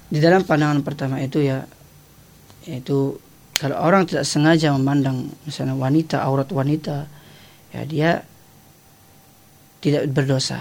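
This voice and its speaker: A man's voice: fairly high pitch, darkish tone, a little hiss or hum. A man giving a didactic religious explanation on the radio, punctuating phrases with short checking tags. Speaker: Islamic teacher, studio guest.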